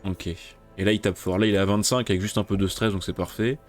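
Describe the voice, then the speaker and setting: A man talks over his game in a fairly low voice, swinging between loud, cursing outbursts at the game and quiet muttering as he thinks through his next move. Faint game music plays behind him. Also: fairly even intonation, fairly quick. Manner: swears loudly in frustration, then mutters. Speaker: gaming video creator. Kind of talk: let's play commentary.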